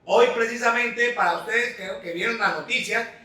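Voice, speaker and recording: A man with a high, bright voice preaches with emphasis. He often poses a question and answers it himself. The sound is very echoey and he stands away from the mic. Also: moderate pace, distant mic. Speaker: spiritual coach. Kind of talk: preaching talk.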